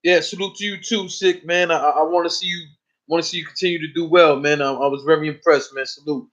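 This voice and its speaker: Hosting a casual live stream, a man with a New York accent talks loosely and profanely, stumbling and repeating words. His voice sits a little high and a bit bright, with fairly even intonation and a quick pace. The audio sounds dull and lo-fi.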